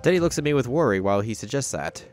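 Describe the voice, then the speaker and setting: A man hosting a game playthrough, reading the story text aloud in a plain, steady way. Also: medium pitch, quick pace, faint music behind. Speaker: let's-play host.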